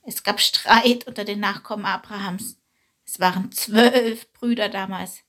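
A woman's voice: mid-range voice, steady tone, measured pace, fairly bright tone, natural voice. Woman doing a storytelling nanny goat. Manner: storytelling, mildly reproachful. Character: old-wise female goat, tells tales, slightly stern. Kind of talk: storybook reading.

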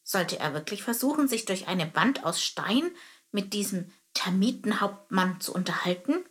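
A woman reads a children's story aloud in a calm, even storytelling manner. Her voice sits at an ordinary middle pitch for a woman. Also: normal speed. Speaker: narrator. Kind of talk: scripted narration of a children's story.

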